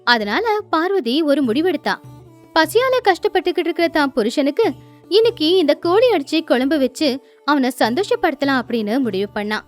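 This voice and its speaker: A woman narrating a moral storybook tale in a gently emphatic storytelling manner, with faint music underneath. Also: high voice, very animated, brisk.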